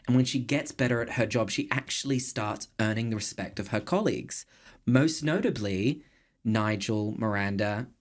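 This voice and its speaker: A woman's voice: extremely low pitch, normal speed. A woman hosting a casual podcast chat, talking in a thoughtful, rambling way and searching for words as she goes. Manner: chatty, thoughtful, many fillers and restarts. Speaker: podcast host.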